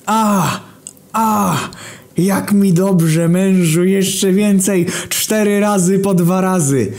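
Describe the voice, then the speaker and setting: Man putting on a shrill moaning woman, loud, muffled through a wall, comic bit. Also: exaggerated voice. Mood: ecstatic. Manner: breathless, drawn-out cries. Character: adult woman moaning loudly in bed. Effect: heard muffled through a wall. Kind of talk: comic narration.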